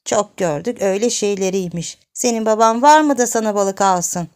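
A woman voicing a bratty little boy who brags and taunts in a high, childlike voice. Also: moderate pace, darkish tone, smooth, natural voice. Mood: taunting. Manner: taunting, bragging.

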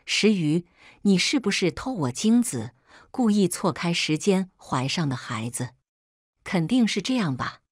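A woman's voice: fairly low pitch, very animated, measured pace, dry recording, clean studio sound. A woman reading a furious arrogant young man. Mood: smug. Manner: shouting, accusing.

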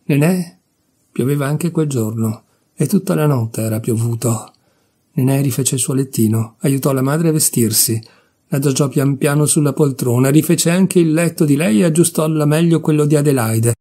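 A man reading a classic novella aloud in a measured, expressive narration. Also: medium pitch, slightly rough. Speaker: reader of literature.

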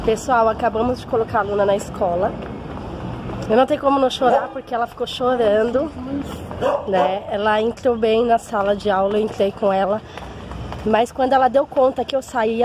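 Brief: woman, vlogging mother, slightly high voice, chatty and emotional, phone audio with clear background noise. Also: steady tone, fairly quick. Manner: chatty, emotional, often asks for agreement. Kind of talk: casual vlog chat to viewers. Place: home, then walking outdoors on a street.

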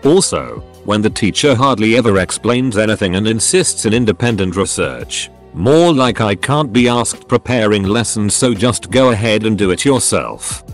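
A man narrating online posts in a flat, even read-aloud delivery. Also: on the low side, moderate pace, few pauses. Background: faint music.

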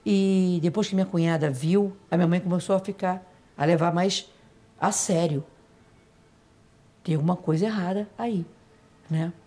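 Woman guest telling her own story, somewhat low-pitched, emotional, stops and repeats herself. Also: warm tone. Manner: emotional, halting, repeats phrases. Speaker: interview guest. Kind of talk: personal storytelling in an interview.

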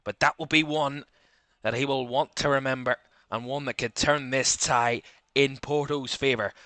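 A man's voice: medium pitch, fairly even intonation, moderate pace, pushed and bright, no echo. A man giving football commentary and goal reaction as a match commentator.

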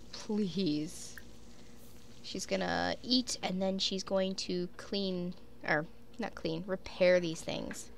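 Her medium-pitched voice has vocal fry, and there's slight background noise. She is a young YouTuber doing laid-back let's play commentary on a life-sim game, sniffly with a cold, talking to her characters and frequently filling gaps with "like" and "um".

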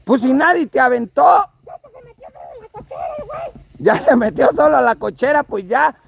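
A man with a Mexican accent and a strikingly high voice, scolding someone in a comic one-sided back-and-forth. He drawls slowly and keeps repeating himself, exasperated. His tone carries a gravelly fry. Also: animated, slight background noise. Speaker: vlogger.

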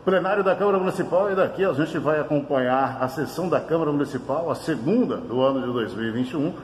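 Fast-talking male local reporter. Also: a little high, lively intonation, a little hiss or hum, rough recording. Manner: quick, upbeat reporter delivery. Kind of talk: field report and interview questions. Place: city council chamber.

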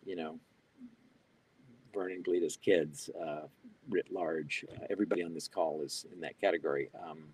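An older man serves as keynote presenter in a live online Q&A, reading audience questions aloud and answering off the cuff with fillers and restarts. His extremely low voice is steady, a little mellow, and breathy, at a moderate pace. He uses a wired earbud headset mic on a video call from a small home office, and the audio is poor.

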